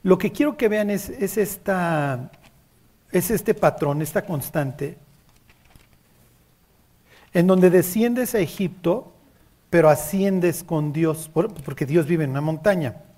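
A Bible teacher leads a group study. The speaker keeps checking that everyone follows and slips into lively acted-out voices for the scripture quotes, at an even, middle pitch. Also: slow, pauses often. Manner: keeps checking in with listeners, acts out biblical quotes.

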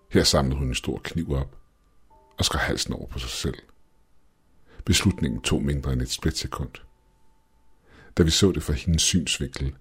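Male horror narrator; extremely low, breathy, measured and ominous. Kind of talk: scripted horror story narration.

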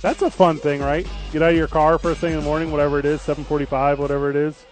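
Higher-voiced man hosting sports talk radio. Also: little pitch movement, fast, darkish tone, soft background music. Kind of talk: casual sports talk commentary.

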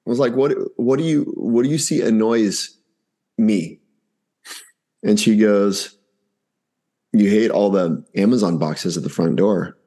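Guy in his 40s on a podcast, lowish voice, animated storytelling, acts out the back-and-forth. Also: measured pace, long pauses. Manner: animated, acts out family dialogue. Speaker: podcast guest. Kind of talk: casual anecdotal storytelling.

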